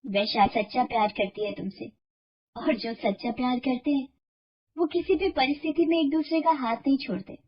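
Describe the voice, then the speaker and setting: A woman voicing a loving, devoted young wife who speaks earnestly in an animated storybook. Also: sits high, normal speed, muffled recording, slight background noise, lightly acted. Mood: tender. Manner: earnest, pleading.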